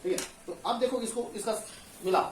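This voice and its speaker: Recorded from afar in an echoey room with slight background noise, a Bihari teacher from India explains Hindi grammar step by step during a classroom lesson. He speaks briskly in a high voice and often answers his own questions.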